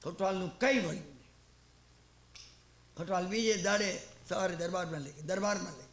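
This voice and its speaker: Male preacher, animated storyteller, high pitch, roomy sound. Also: a little fast, slight background noise. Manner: animated storyteller acting out characters. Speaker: Jain preacher. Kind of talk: sermon with storytelling.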